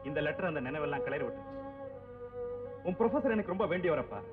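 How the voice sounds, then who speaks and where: This is a gentle, fatherly older eye doctor, who is still grieving and keeps slipping English phrases into what he says. His voice sits high and moves lively up and down. It comes from far off on a thin, tinny old film soundtrack with music behind. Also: quick pace. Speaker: eye surgeon.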